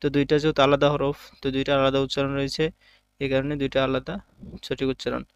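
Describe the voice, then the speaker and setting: A male Quran teacher giving an online lesson, patiently teaching the sounds of the Arabic alphabet and calling out each letter loudly. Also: medium pitch, monotone, quick pace, gravelly, clear, resonant tone, no room sound, lo-fi sound.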